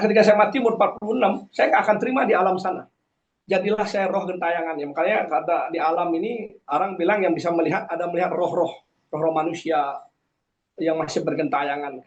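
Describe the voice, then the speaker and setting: A man's voice: sits high, darkish tone. A man, a guest giving earnest, preachy personal testimony with frequent hesitations. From Karangasem, Bali. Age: 40s. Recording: dull lo-fi sound.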